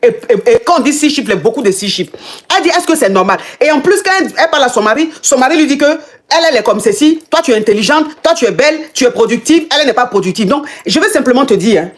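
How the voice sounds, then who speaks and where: Woman, live-stream coach, animated, interrupting, rapid speech. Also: high voice. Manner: animated, interrupting, repeats herself. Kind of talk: casual live call-in show.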